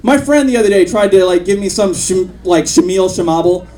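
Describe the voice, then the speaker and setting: A man's voice: high-pitched, animated, a little fast, warm tone. A man in his twenties doing a crude stand-up set in a comedy club, rambling through his jokes with lots of fillers. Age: 20s. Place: comedy club stage with live audience. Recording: audience laughter behind. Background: crowd laughing.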